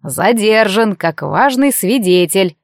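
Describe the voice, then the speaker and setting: A stern man at the head of the magic police, cold and clipped, weighing each word in a slow, measured tone, as a woman reads his lines in an audiobook. Dry, close sound. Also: medium pitch, lively intonation, dry recording.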